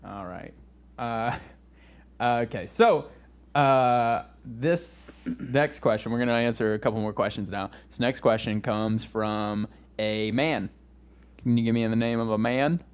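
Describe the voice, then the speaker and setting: A man's voice: mid-range voice, measured pace, smooth. A young man co-hosting a casual comedy show, with a mid-range voice. He rambles, laughs at his own jokes and restarts his sentences often. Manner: rambling, giggly, with many restarts. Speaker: podcast co-host.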